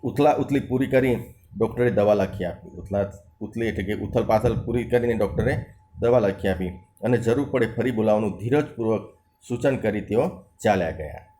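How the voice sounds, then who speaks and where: A man's voice: fairly low pitch, normal speed, warm tone. Man explaining a story line by line. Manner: reads a passage, then restates and glosses words; acts out dialogue lines in a shifted voice. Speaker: teacher. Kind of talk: reading and explaining a textbook story.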